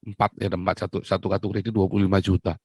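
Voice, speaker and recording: A man's voice: low voice, level tone, rapid-fire, darkish tone, breathy edge, no echo. A man from Indonesia preaching a sermon with personal testimony, exclaiming often and addressing his listeners as brothers and sisters.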